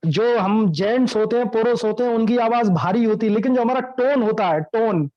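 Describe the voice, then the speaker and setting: A man's voice: high voice, normal speed, darkish tone, dull audio. A man hosting an online training session, effusive and full of repeated thanks, heard through a video call.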